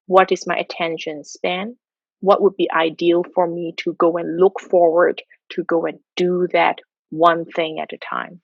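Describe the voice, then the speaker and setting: A woman's voice: on the low side, flat delivery, unhurried, vocal fry, no room sound, muffled recording. A woman from Malaysia speaking as a guest on a video call, giving earnest, motivational answers about mindset and habits. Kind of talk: online talk answering questions. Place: home in Tokyo.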